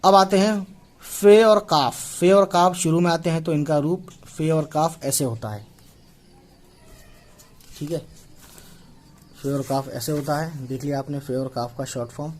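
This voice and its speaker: A man's voice: fairly high pitch, normal speed, pauses often, darkish tone, slight background noise. A man in his twenties teaching a writing lesson, patiently repeating and spelling out letters one by one. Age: 20s. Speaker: Urdu teacher.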